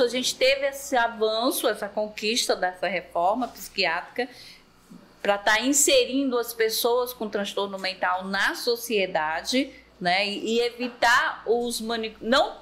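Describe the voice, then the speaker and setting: A woman's voice: a little high, measured pace, a bit bright. A woman, a mental health worker, explaining things earnestly in a casual panel talk. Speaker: mental health professional guest.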